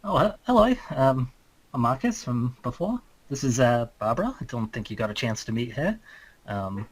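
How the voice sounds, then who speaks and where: A man acts out an amiable animal-loving druid for a tabletop game. His rides on a lively, swinging pitch. He talks in a halting, colloquial, easygoing way, recorded dry. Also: no echo, rough recording. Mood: friendly, awkward. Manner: laid-back, halting, colloquial. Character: Marcus, easygoing, friendly male druid fond of animals. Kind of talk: improvised tabletop role-play.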